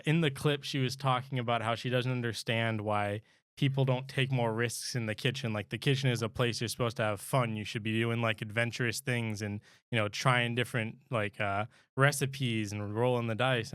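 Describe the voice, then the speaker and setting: A man's voice: mid-range voice, fairly even intonation, normal speed, fairly bright tone, clear, resonant tone, no echo, clean studio sound. A man co-hosting a podcast, swapping loose, profane stories in casual chat and laughing often. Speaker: podcast co-host. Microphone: close studio mic.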